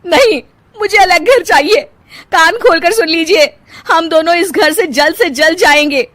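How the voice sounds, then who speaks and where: A woman voicing a spiteful young sister-in-law who talks in a loud, whining, bossy way, for a cartoon. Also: high-pitched, animated, moderate pace, dry recording, pitched above the performer's own voice.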